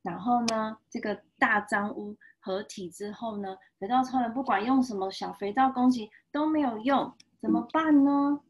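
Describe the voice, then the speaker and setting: A woman in her thirties with a Taiwanese Mandarin accent, reading a children's picture book aloud. Her voice sits fairly high, and she animates the story with sound effects and character voices. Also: moderate pace, few pauses, husky.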